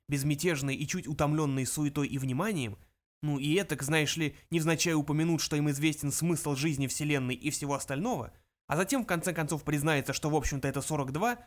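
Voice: medium pitch, close to an everyday voice. A reader playing a swaggering space rogue leaning in to persuade. Confidential, easygoing talk close to the narrator's own voice. Audiobook character.

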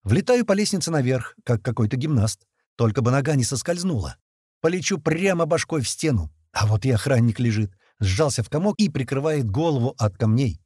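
A man reads a gritty first-person action story aloud, his pitch leaping up when the characters shout. The sound is close and dry with no room around it. He keeps an animated, swinging delivery throughout. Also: a little fast, slightly rough, dry recording. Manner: lively, shouts character lines. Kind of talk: audiobook narration with acted dialogue.

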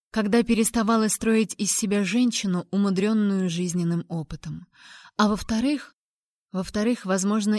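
Expressive woman reading an audiobook. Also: medium pitch, no room sound, clean studio sound. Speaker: audiobook narrator. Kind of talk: first-person audiobook narration.

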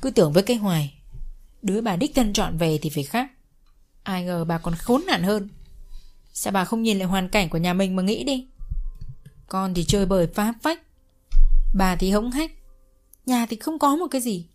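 A woman voicing an older father-in-law who berates his wife loudly in a read-aloud story. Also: medium pitch, lively intonation, moderate pace, long pauses, soft background music, natural voice. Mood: angry. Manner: shouting reproach. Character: older father-in-law, angry scolding husband.

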